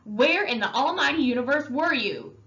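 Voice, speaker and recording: A woman voicing a stern older teenage brother who shouts angrily in a storybook reading. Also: a little high, normal speed, lo-fi sound. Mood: furious. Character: angry older teen brother, stern and harsh.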